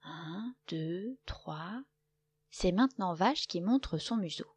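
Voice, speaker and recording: A woman narrating a children's story in a gentle, expressive way. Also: fairly low pitch, slow, breathy edge.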